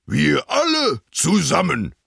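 A man reading an audiobook voices a boisterous crowd of big male forest animals in a loud, gravelly, rallying tone. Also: on the high side, huge pitch swings, takes it slowly, dry recording, studio quality, heavily acted. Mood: boastful.

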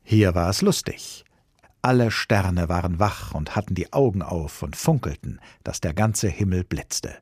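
A man's voice: deep voice, unhurried, husky, dry recording. A man reading a fairy tale aloud expressively, voicing the characters. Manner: lively, voices the characters. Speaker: storyteller.

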